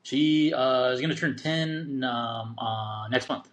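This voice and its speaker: A man's voice: medium pitch, slow, a bit bright. A man who is a guest on a podcast, chatting casually in laid-back slang. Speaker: guest father. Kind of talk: casual interview chat.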